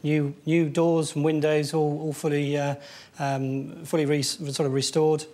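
A man in his thirties, a housing developer, explaining a site in an interview, talking haltingly with many fillers and restarts. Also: a little high, little pitch movement, mellow. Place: large empty old building indoors. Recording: echoey hall with faint noise.

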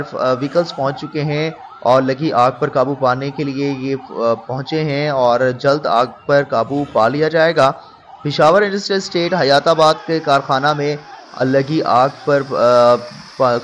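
A man's voice: mid-range voice, slight background noise. A man from Pakistan reading a news report as a voice-over, in formal wording with many hesitations and restarts.

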